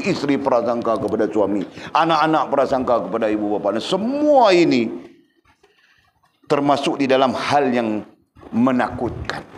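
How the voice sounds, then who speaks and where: A man's voice: medium pitch, darkish tone, slight background noise. A middle-aged man, giving a religious lecture in a conversational style and teasing his listeners with questions. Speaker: religious teacher.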